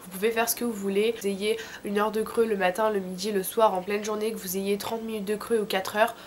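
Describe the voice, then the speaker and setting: A woman's voice: medium pitch, flat delivery, a little fast, slight background noise. Young woman with a thick sore-throat voice. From France. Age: late teens. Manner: informal, slangy. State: sick with a throat infection. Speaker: vlogger. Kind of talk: casual advice vlog to camera.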